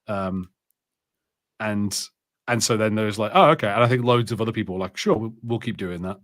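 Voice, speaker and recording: During a podcast watch party, a male co-host chats jokily about movies, informal and occasionally sweary. He speaks briskly in a lowish, fairly bright voice, and the studio sound is clean with no room sound.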